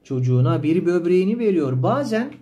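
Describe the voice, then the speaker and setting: A male language teacher reading a story aloud, pausing to repeat and explain words slowly. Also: sits high, big pitch swings, warm tone. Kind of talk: slow explanatory reading lesson.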